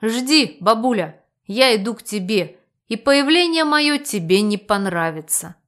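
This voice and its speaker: A woman's voice: on the high side, lively intonation, measured pace, a bit bright. A woman voicing an irritable young male mage who answers in short, exasperated lines, in an audiobook. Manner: curt and exasperated.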